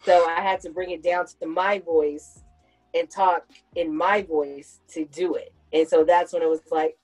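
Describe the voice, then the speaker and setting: Faint music plays behind this low-quality recording of a woman in her thirties hosting a podcast. Her lowish voice is steady, a little slow and slightly mellow as she reflects conversationally and explains things in detail.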